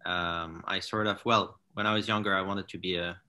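A man in his thirties from Morocco, a founder talking in a casual interview over a video call from his living room, halting with many fillers and restarts. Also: low-pitched, fairly even intonation, pushed and bright. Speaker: founder and CEO, guest. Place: home living room with large window. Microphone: laptop or webcam on a video call.

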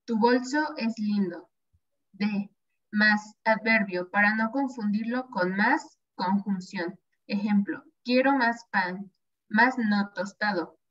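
Slow Mexican woman student reading aloud. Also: fairly high pitch. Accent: Mexican Spanish. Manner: careful, slow reading of examples. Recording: dull video call audio.

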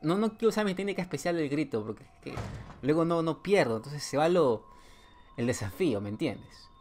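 A man's voice: on the high side, lively intonation, a little fast, a little mellow. A man commenting his way through a horror video game, joking, talking back to the game and letting out sudden yelps. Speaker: gameplay streamer. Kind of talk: playthrough commentary.

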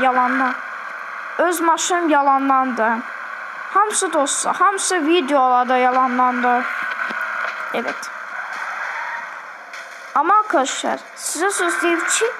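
A woman's voice: sits high, lively intonation, slow, long pauses, background noise. A woman with an Azerbaijani accent giving chatty, repetitive gameplay commentary and keeping up a running talk with her viewers. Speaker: gaming video host.

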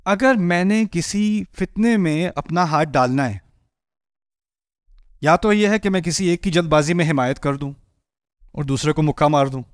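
Preaching with animated energy, a man in his forties paces an indoor stage with a patterned backdrop, gesturing broadly and voicing the characters in his sermon. His voice sits high for a man, and the headset mic captures it close and dry, with no echo.

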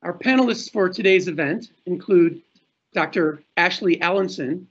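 A man's voice: high voice, normal speed, slightly rough. A middle-aged man moderating a panel over a video call, formally reading introductions and announcements. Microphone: video call webcam. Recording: muffled video-call audio.

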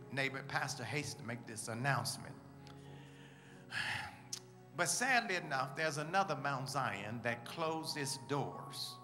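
A man preaching as pastor, leading the congregation in call-and-response and telling jokes between announcements. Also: medium pitch. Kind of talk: church announcements and sermon humor. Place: church sanctuary. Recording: reverberant church hall with music.

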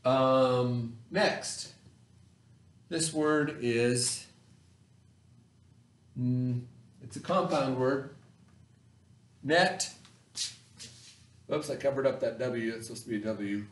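Here a middle-aged man teaches children remotely from an indoor classroom, reading aloud in a vocabulary lesson. His voice sits mid-range, with drawn-out words and long pauses. As an elementary school teacher, he keeps it simple, repeats key terms, and checks understanding with short tags.

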